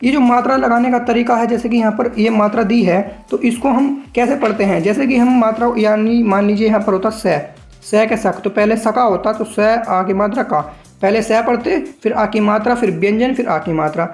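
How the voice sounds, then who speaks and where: A shorthand teacher walks learners through a patient tutorial, sounding out syllables slowly one by one and calling them friends. The voice is mid-range and slightly mellow, with soft music playing in the background.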